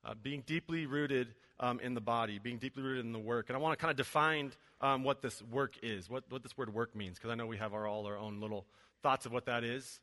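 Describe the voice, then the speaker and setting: In a big church auditorium full of long hall reverb, a venue director and preacher in his forties talks through a relaxed, jokey sermon with many fillers. His medium-pitched voice has a fairly bright tone and moves a little fast.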